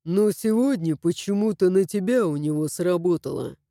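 A woman voicing a calm, earnest young man who is a loyal friend, in an audiobook reading. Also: on the low side, moderate pace, no room sound, studio quality, voice pushed down. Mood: explaining. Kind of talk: audiobook character voice.

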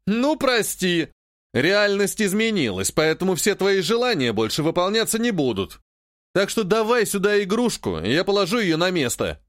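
A male audiobook reader playing an irritated young nobleman who shouts and barks at his sister. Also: high-pitched, big pitch swings, normal speed, no room sound, clean studio sound, voice pushed up. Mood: bossy. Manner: shouting, barking, scornful. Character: irritated young nobleman, bullying older brother.

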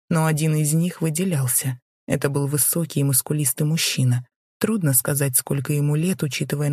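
A woman reading a first-person fantasy novel aloud in steady, measured narration. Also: sits low, slightly rough, dry recording, studio quality. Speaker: audiobook narrator.

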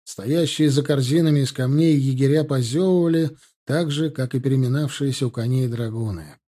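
A man's voice: medium pitch, normal speed, warm tone. A man narrating a historical war story as an audiobook reader.

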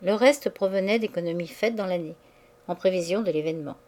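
Woman reading a classic novel aloud. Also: fairly low pitch. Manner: measured, expressive reading. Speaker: audiobook reader. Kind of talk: scripted narration of a novel.

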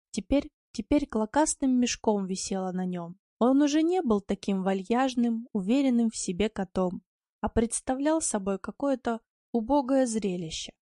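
A woman calmly and expressively narrating an audiobook story. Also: on the high side, no room sound, studio quality.

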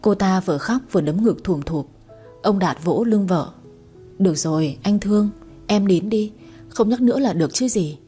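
A woman narrating a story as a reader for her audio channel, in a calm, even storytelling manner. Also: medium pitch, normal speed, slightly rough, faint music behind. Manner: calm, even storytelling with dialogue voiced lightly.

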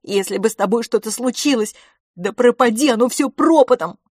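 A woman voicing a frightened young boy who begs his silent twin brother, his pleas loud and cracking. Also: on the high side, fairly quick, breathy edge, dry recording, clean studio sound, voice pushed up. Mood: pleading. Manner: desperate, pleading, voice cracking.

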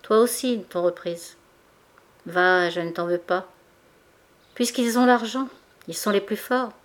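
A woman's voice: mid-range voice, measured pace, natural voice. A woman reading as a bitter old draper. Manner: embittered, restrained anger.

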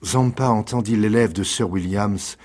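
A man reading aloud a dark serial novel in a measured, dramatic storytelling voice. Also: on the low side. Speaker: reader. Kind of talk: scripted dramatic narration.

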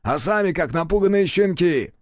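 A brash, jeering soldier bellows over the crowd, his voice raised and mocking, as a male reader puts him on. The words leap up and down in pitch. The recording is dry and close. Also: expressive, normal speed, dry recording. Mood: scornful. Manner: loud, scornful, jeering. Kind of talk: audiobook character voice.

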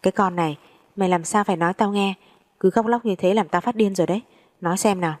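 A woman's voice: medium pitch, fast talker, darkish tone, close to an everyday voice. A woman voicing a blunt, impatient, foul-mouthed young woman who scolds her friend like an older sister in a story reading. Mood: scolding.

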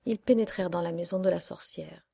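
A woman narrating a fairy tale audiobook in a soft, hushed storytelling manner. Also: lowish voice, a little fast, vocal fry, husky. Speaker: audiobook reader.

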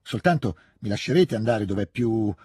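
A man voicing an eager, excitable teenage boy officer who talks in a rush, in a storybook reading. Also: on the low side, breathy edge, no room sound. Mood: earnest. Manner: rushed, overeager, generous.

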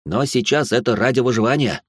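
A man narrating a story in the first person, tense and expressive, breaking into outbursts, close to the mic. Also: medium pitch, fairly quick, dry recording.

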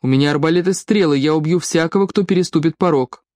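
A woman reading a defiant young male squire who shouts threats through a locked door. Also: low-pitched, fast, dry recording, natural voice.

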